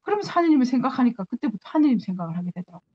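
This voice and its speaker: Earnest nun giving a spiritual talk. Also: female voice, fairly high pitch, very animated, racing, lo-fi sound. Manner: earnest, acts out her own prayers to God.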